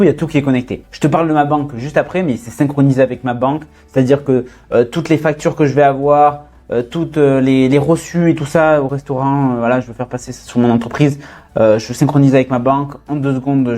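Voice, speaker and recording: A young man talking casually straight to his viewers, with lots of fillers and quick asides about his work as a freelancer. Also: mid-range voice, fairly even intonation, darkish tone. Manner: fast casual, many fillers, addresses viewer as "tu". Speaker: freelance content creator. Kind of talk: casual talking-head vlog.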